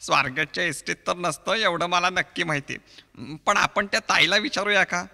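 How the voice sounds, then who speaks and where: A Marathi-accented man performs a fast comic sketch and keeps jumping from one impersonated voice to the next. His voice sits fairly high and carries a long reverb from a live stage. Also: creaky, pushed and bright. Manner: switches quickly between impressions of film actors. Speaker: mimicry artist. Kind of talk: mimicry comedy sketch with many voices.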